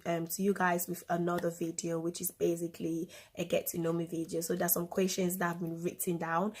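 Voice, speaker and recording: A woman in her twenties with a Cameroonian accent and a fairly low voice vlogs casually to camera, recorded on a phone camera. She's informal and tends to repeat things for emphasis.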